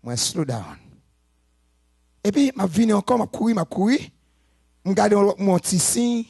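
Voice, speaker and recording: Raspy high-voiced preacher man. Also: normal speed, no room sound, studio quality. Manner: switches between soft talk and shouted, sing-song preaching. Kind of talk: sermon.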